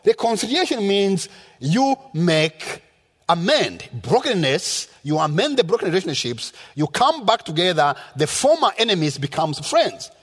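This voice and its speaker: With soft music in the background and a reverberant hall sound, a guest preacher from rural Rwanda gives a sermon and personal testimony in his Rwandan accent. His high-pitched, slightly rough voice is very animated at a moderate pace, and he teaches emphatically through repetition.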